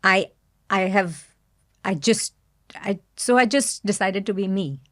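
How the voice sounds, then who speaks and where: Unhurried and expressive, a woman from India with a medium-pitched voice and an Indian accent reflects as a guest on a podcast. She's a business founder who speaks softly, candidly, and with care.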